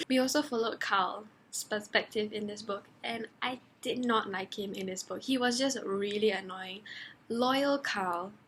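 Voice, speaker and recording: A woman giving a casual book review for her vlog, gushing and animated as she acts out her own reactions. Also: medium pitch, unhurried, slight background noise. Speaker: book vlogger.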